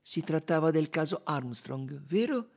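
A man voicing a fussy, sharp-minded Belgian detective in an audiobook, high and precise. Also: very animated, normal speed, exaggerated voice. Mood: firm. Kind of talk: audiobook character reading.

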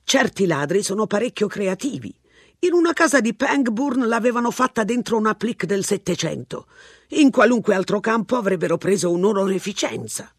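An audiobook reader voicing a wry, sardonic police sergeant who talks fast and jokes. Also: mid-range voice, expressive, breathy edge, dry recording, clean studio sound, voice pushed up. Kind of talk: audiobook character voice.

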